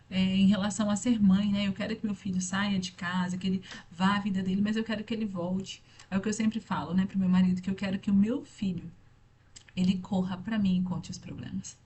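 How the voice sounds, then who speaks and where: A woman's voice: medium pitch, darkish tone, a little hiss or hum. A young woman speaking earnestly and directly to the listener in a motivational faith talk, repeating her points for emphasis.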